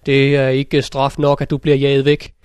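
A man's voice: medium pitch, completely flat delivery, a little mellow, smooth, dry recording, close to an everyday voice. A man voicing an old tailor in a fairy tale who scolds in angry outbursts. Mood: furious. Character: quick-tempered old tailor, father of three sons. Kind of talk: storybook narration.

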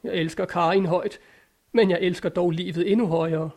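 A man's voice: sits high, steady tone, a little mellow. A man voicing a frightened fisherman who begs for his life in a read-aloud story. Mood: pleading. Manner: pleading, frightened. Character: desperate grown fisherman pleading for his life.

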